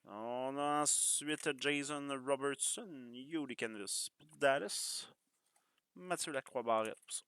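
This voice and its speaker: Québécois guy running a hockey card break, bright voice, jokey and chatty. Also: medium pitch, clear, resonant tone, no echo. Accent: Quebec French. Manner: quick, joking, chatty with viewers. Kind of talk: live card break commentary.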